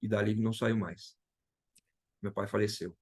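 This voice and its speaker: A man's voice: lowish voice, fairly even intonation, moderate pace, slightly rough. A man from Brazil sharing an emotional personal testimony as a guest, retelling dialogue and repeating key phrases.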